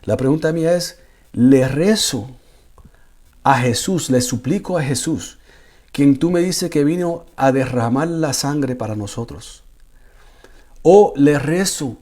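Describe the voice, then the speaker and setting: A man's voice: on the high side, dark tone. A man, an imam, telling the story of his conversion. He often repeats words while he searches for the next one, and at times he builds up to intense pleading. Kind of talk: personal conversion testimony.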